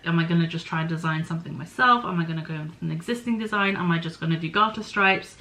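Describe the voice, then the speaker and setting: A woman's voice: fairly low pitch, fairly bright tone, poor audio. Chatty woman musing over her crafts. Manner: chatty and musing, thinking aloud with small apologies. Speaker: podcast host. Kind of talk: casual chat about knitting and spinning.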